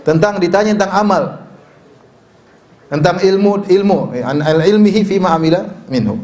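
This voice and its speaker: A middle-aged male preacher giving a sermon with a slightly high voice. He talks casually and cracks jokes, then rises into forceful, emphatic appeals to his listeners. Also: normal speed. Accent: Indonesian. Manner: conversational, joking, swings to emphatic exhortation. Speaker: Islamic preacher. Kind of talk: sermon with humorous asides.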